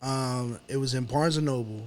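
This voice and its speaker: Speaking with a medium pitch at a moderate pace, a rapper from New York City is a guest in an apartment interview. He talks casually in his New York accent, spinning stories with slang and lots of repetition.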